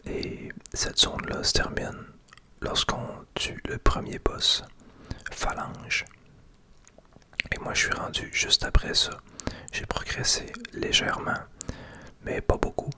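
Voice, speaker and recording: Speaking in a soft whisper with almost no voiced tone, a man from Quebec with a Québécois French accent gently walks viewers through a video game as ASMR gameplay commentary. His sound is bright and sibilant, and he goes slowly, leaving long pauses.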